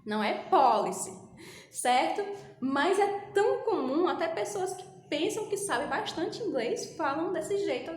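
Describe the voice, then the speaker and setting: A woman teaching an English class to Brazilian schoolchildren, patiently repeating and drilling pronunciation. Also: high-pitched. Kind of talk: recorded online class. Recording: echoey room with faint ambience.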